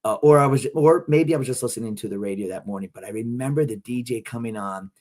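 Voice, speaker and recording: Middle-aged male podcast co-host, lively storyteller, mid-range voice. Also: mid-range voice, fast. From Philadelphia area, United States. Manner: animated storyteller, acts out quotes. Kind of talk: casual chat.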